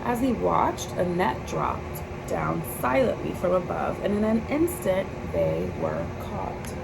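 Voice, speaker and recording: Gravelly-edged woman reading a children's storybook. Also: on the low side, slow pace. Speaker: children's picture book reader. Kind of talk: read-aloud storybook narration. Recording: clear steady background noise.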